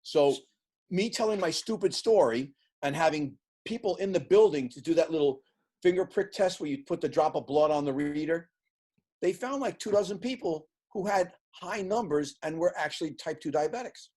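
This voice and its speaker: A man in his sixties, an interview guest who tells lively stories and acts out the voices of the people in them. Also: fairly high pitch, normal speed. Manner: animated storyteller acting out quoted voices. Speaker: interview guest, sports team executive. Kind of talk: casual storytelling in an interview.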